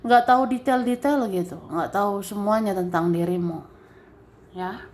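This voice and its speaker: A woman giving a general tarot reading straight to the listener in a relaxed, chatty way, with many fillers and soft laughs. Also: medium pitch, normal speed. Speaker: tarot reader.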